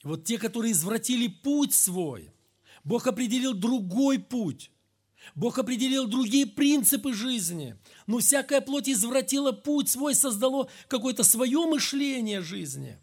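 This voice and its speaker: A middle-aged man preaching a sermon, swinging between loud emphatic peaks and low quiet asides. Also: expressive, unhurried, breathy edge. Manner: acts out quoted speech in a raised voice.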